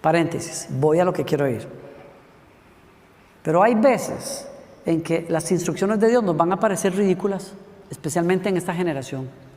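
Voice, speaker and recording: High-voiced preacher in an echoing church. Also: male voice, expressive, normal speed, pauses often, a little mellow. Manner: conversational storytelling with rhetorical questions and jokes. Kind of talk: sermon.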